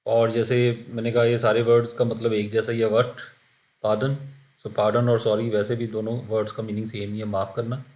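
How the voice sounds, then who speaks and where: A man with an Indian accent teaching a spoken-English lesson, explaining with examples in a steady, patient way. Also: lowish voice, a little fast, hardly any pauses.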